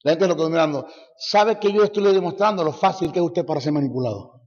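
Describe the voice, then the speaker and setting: A man preaches a sermon as a Bible teacher, forceful and mocking, hammering his points home through repetition. His voice is a little high and he talks fast. It was recorded in an echoey hall, and the audio is dull and lo-fi.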